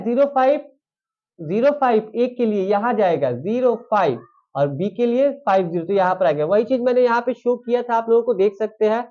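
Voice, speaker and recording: A man's voice: very high voice, dull audio. A man teaching a math lesson online, coaxing students with questions he answers himself.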